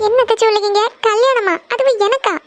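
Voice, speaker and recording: A woman voicing a squeaky devoted cartoon daughter. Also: steady tone, fairly quick, no echo, soft background music. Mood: pleading. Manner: insistent, tearful pleading. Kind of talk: cartoon family serial voice acting.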